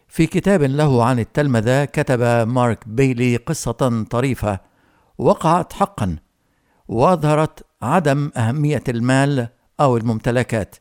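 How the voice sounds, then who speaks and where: A man presenting a scripted radio Bible study, telling a story in a measured, formal way. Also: mid-range voice, a little mellow, no room sound, clean studio sound.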